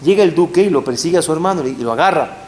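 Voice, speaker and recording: A male rabbi delivers a sermon to a live audience with a lively, swinging delivery that climbs high when he stresses a point. He keeps asking rhetorical questions and answers them himself. The room sounds echoey, with a faint hiss underneath. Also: very fast. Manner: animated, rising emphatic storytelling with rhetorical questions. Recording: roomy hall with faint hiss.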